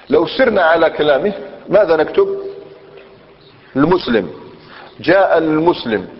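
Grammar teacher, man, repeats and quizzes the class, slightly high voice, muffled recording. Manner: explains step by step, repeats words, questions the class. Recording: muffled lecture recording with long hall reverb.

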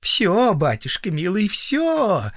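A sly young peasant woman, put on by a male reader, coos her thanks in a high, sing-song, fawning voice. She sounds flattering and artful. The recording is dry and close. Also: takes it slowly, dry recording, full character voice. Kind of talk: audiobook reading.

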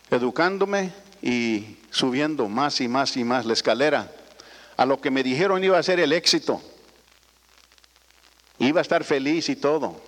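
A man's voice: on the high side, a bit bright. An older man tells a rambling, folksy personal story to an audience, often adding little tag questions. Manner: folksy, rambling, frequent "¿verdad?" tags. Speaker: speaker addressing business associates. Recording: long hall reverb.

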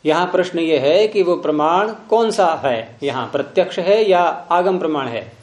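A man's voice: on the high side, animated, moderate pace, roomy sound. A man teaching philosophy to a class, often prompting students with questions. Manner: questioning, repeatedly prompting with "hmm?". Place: room with students present.

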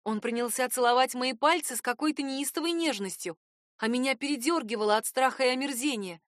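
A woman's voice: high voice, brisk, fairly bright tone, dry recording, studio quality. A woman narrating a first-person audiobook in a tense, dramatic reading.

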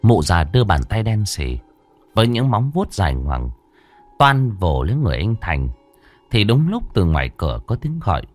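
A man reading a horror story aloud in a dramatic, expressive way. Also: on the low side, normal speed, soft background music. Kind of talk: scripted horror story narration.

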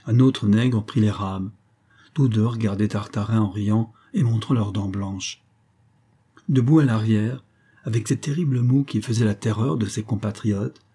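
A man narrating a classic novel as an audiobook, reading in a measured, dramatic way. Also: on the low side, mellow, slightly rough. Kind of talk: scripted narration.

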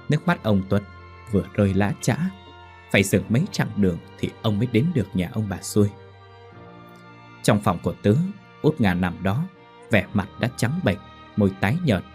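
A man narrating a scripted horror story in a steady reading voice. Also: on the low side. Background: faint background music.

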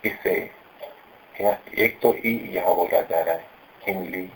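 A man teaching pronunciation, explaining patiently and slowing down to stress syllables when he demonstrates. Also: low voice, slight background noise, rough recording. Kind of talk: explanatory lesson with recited examples.

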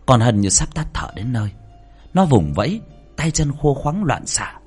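A man's voice: medium pitch, big pitch swings, normal speed, a little mellow, slightly rough. A man reading a horror story aloud in a dramatic, swinging delivery, with faint music underneath. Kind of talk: scripted horror narration.

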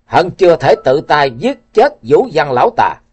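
A man voicing a dying old male villain sect leader, hoarse and laughing madly. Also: fairly high pitch, very animated, normal speed, a little mellow. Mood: hateful.

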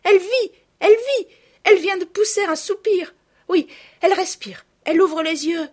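A woman reading a storybook, voicing an eager, brave young girl with a high, urgent manner. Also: animated, normal speed. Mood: overjoyed.

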